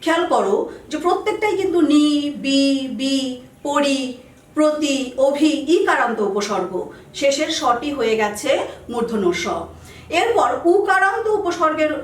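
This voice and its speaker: A woman's voice: high voice, very animated, a little slow, reverberant, distant mic, low-quality recording. A woman teacher explaining spelling rules to students, carefully listing example words one by one and stressing key points.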